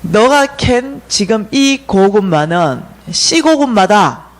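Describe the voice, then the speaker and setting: A woman doing slow, solemn dream messengers. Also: medium pitch, very animated. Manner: slow, weighty, commanding pronouncements.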